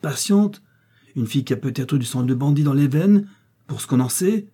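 A man's voice: medium pitch, animated, normal speed, warm tone, breathy edge, pitched above the performer's own voice. A man reading the part of a sly, spiteful older mother-in-law who speaks with honeyed malice. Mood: scornful.

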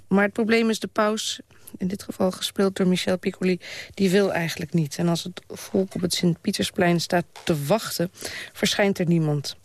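A man hosting a radio history show and interviewing a guest, with plenty of hesitant fillers. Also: sits high. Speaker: radio host.

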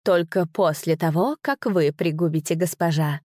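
A woman's voice: lowish voice, normal speed, dark tone, no echo, studio quality, close to an everyday voice. A woman doing a hot-headed girl posing as a youth. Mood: guarded. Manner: impulsive, defiant. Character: young woman disguised as a youth, hot-tempered.

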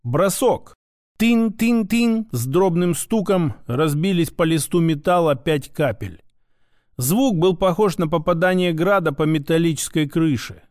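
High-voiced male audiobook narrator. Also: normal speed, darkish tone, dry recording, studio quality. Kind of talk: first-person scripted narration.

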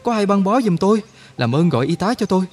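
A man plays an excitable young soldier in a panic, talking fast in a slightly rough voice. His speech keeps shooting up into high, agitated exclamations.

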